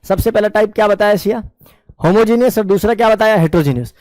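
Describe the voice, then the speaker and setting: A man's voice: high voice, fast, darkish tone, dry recording. A man teaching a chemistry class in with English terms mixed in, asking his students questions and answering them himself in a coaxing, affectionate way. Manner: mixes English terms into Hindi. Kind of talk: classroom lecture.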